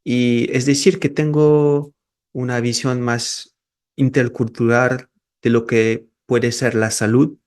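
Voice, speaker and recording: A man speaking in an easygoing interview. He talks slowly and halts often, repeating words and restarting as he works out his thoughts. His voice sits at an ordinary middle pitch. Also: flat delivery, a little mellow. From France and Peru, raised in Morocco. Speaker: osteopath and researcher, guest. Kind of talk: casual interview.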